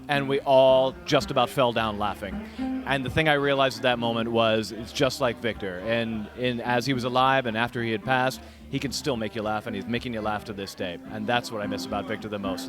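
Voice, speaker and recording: Male speaker at a live memorial event, telling a funny anecdote, music faint behind. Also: mid-range voice. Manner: anecdotal, emphatic repetition. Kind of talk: storytelling tribute speech.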